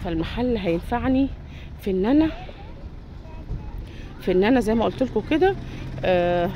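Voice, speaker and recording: In a casual walk-through vlog, a woman with an Egyptian Arabic accent shows viewers around a poultry yard and shop, chatting to them directly as she walks. Her mid-range voice has lively intonation and a moderate pace. The highs are cut off, and there's slight background noise.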